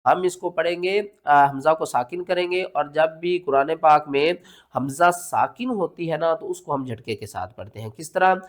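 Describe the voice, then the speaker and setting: A man teaching Quran recitation step by step. He asks himself questions as he explains, then recites slowly in a drawn-out chant. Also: fairly high pitch. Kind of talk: step-by-step tajweed lesson.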